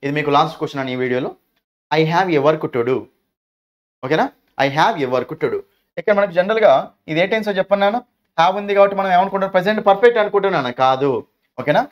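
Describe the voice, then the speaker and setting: A man, teaching an exam-prep grammar lesson at a quick clip. He repeats each point and keeps asking his students questions, which he answers himself. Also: sits high, animated, dull audio. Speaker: English teacher.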